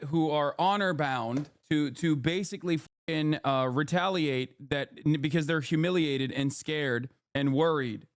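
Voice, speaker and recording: A man talks fast over news clips on his stream, heated and mocking, swearing often. His voice sits a little high. The sound is dry and close, with no room around it. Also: dry recording. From Turkey. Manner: heated, sarcastic, profane. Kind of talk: live stream commentary.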